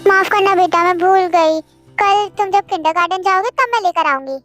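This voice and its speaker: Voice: extremely high pitch, moderate pace, a bit bright, soft background music. A performer voicing a busy, scolding mother in a fan audio drama. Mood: nagging. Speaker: mother figure in a family drama.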